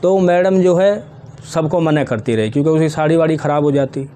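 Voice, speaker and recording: A man's voice: fairly high pitch, warm tone. A man, telling jokes in a casual storytelling way and acting out his characters' lines. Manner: storytelling, quick acted quotes of characters.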